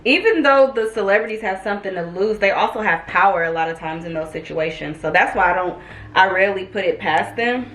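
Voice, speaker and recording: A woman in her thirties talks through her closet in a relaxed, drawling vlog chat. Her voice sits mid-range, and the bare room around her rings with a roomy echo over a faint hiss. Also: mid-range voice, fairly quick. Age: 30s. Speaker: vlogger. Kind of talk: casual chat.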